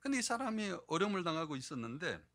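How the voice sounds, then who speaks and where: A man preaching a sermon as pastor, animated, swinging between loud emphasis and hushed low delivery. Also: fast. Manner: acts out quoted speech in changed voices. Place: church sanctuary.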